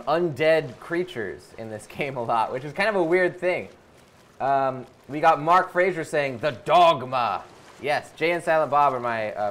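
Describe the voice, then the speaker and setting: A man's voice: on the high side, fairly bright tone, a little hiss or hum. A man hosting a live game stream, chatting casually and reading viewer comments aloud between moments of play. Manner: casual, lots of uh fillers, reads comments aloud.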